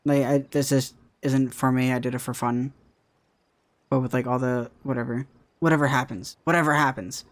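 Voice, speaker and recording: This young adult man, a content creator, has a mid-range voice with fairly even intonation and a moderate pace. He chats casually about his future, rambling and repeating himself, often tacking on "right?".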